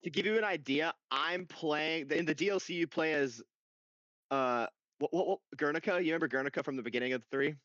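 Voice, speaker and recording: Young man, podcast co-host, casual gaming chat, excited storytelling, dull dry lo-fi sound. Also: a little high, fairly quick, no echo. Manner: excited storytelling, swears a lot.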